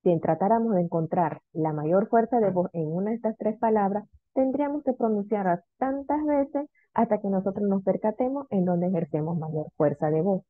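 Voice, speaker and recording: Woman teacher, online lesson, slow repeated example words, tinny phone-like audio, dry sound. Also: mid-range voice, dry recording. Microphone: video call.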